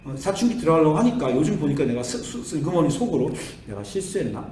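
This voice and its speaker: A middle-aged male pastor with a fairly high, lively voice preaches and tells a story, acting out each voice in the exchange. He sounds far from the mic in an echoey church hall with a faint hum behind him. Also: fast talker. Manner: animated, acts out his son's and his own lines. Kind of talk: sermon with storytelling. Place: church sanctuary.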